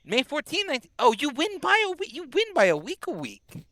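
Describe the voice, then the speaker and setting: This twentysomething streamer is a bit ill and resting in bed, yet he keeps playing a game while loosely talking to his chat and answering their messages. His voice sits extremely high, swinging hugely in pitch, with a brisk pace and a sharp tone.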